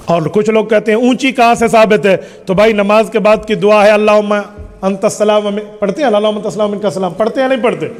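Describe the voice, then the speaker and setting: High-voiced preacher in an echoing hall. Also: male voice. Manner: emphatic, rhetorical questions, lists points one by one. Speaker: Islamic scholar answering questions. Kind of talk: religious question-and-answer talk. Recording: long hall reverb.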